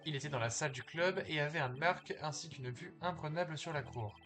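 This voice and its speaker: A man's voice: a little high, a little fast, music in the background, close to an everyday voice. A man reading aloud as a young male rookie defense attorney in a video game. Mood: earnest.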